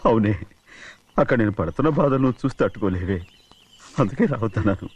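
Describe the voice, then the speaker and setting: A man's voice: on the low side, quick pace, darkish tone, husky. An actor playing a poor, weary laborer father who speaks humbly and with resignation. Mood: humble. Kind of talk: film dialogue.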